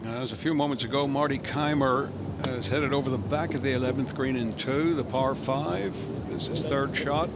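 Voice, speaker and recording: A man's voice: mid-range voice, fairly even intonation, normal speed, few pauses. A man giving live golf commentary as a tournament commentator, calling shots as they happen. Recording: loud crowd and wind outdoors. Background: outdoor tournament ambience, crowd noise.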